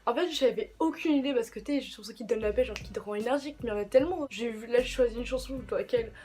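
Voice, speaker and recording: A woman's voice: fairly high pitch, rapid-fire, darkish tone. A young woman vlogger chatting casually about songs, with lots of slang and fillers. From of Portuguese descent. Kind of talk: casual chat.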